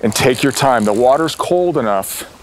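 A man's voice: medium pitch, animated, moderate pace. A man hosting a fishing show outdoors on a river, exclaiming, laughing and giving casting tips as he fishes. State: out of breath at times. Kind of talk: excited on-the-water fishing commentary.

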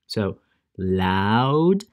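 A man teaching English words to children, repeating each word pair slowly and stressing how to say it. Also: on the low side, very animated. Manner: drills word pairs with slow, careful repetition; stresses English pronunciation for learners. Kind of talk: bilingual vocabulary lesson for children.

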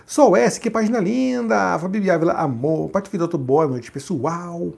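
A man's voice: high-pitched, normal speed, vocal fry, a little mellow, slightly rough. A man co-hosting a casual livestream, reading viewers' comments aloud and greeting them one by one by name. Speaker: livestream co-host reading chat.

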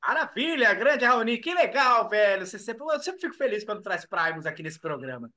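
A young Brazilian man on a home video call, co-hosting in chummy, slangy, animated talk about an album. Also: high-pitched, fairly quick. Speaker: co-host. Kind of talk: casual album review chat. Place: home room. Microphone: video call webcam.

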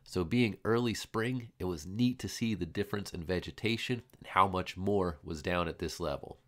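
Speaking at a normal speed in a deep voice, a hiking vlogger casually narrates his trek, commenting as he goes. Loud plucked-guitar music plays behind his voice.

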